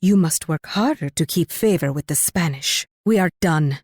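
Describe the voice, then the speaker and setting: An actress playing a proud, flirtatious Spanish warrior queen in a video game, with a regal, teasing and measured delivery. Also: deep voice, darkish tone, slightly rough, no room sound, studio quality. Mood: haughty, goading, then grim, resigned.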